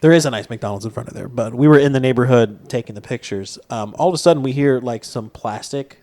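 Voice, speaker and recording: A young man, co-hosting a casual sports podcast. He tells his stories in an unhurried, laid-back way and laughs easily. His voice sits at a middle pitch. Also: mellow. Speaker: podcast co-host. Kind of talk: casual chat.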